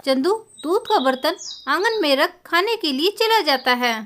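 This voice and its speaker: A woman narrating a children's story in a plain, steady way. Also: high-pitched, moderate pace, slight background noise.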